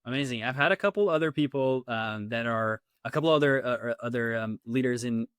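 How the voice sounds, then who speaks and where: A male interview host from Latin America with an average-pitched voice. He talks quickly and casually, putting questions to his guest. The recording is close and dry. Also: fairly bright tone, clean tone, no room sound. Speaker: podcast host.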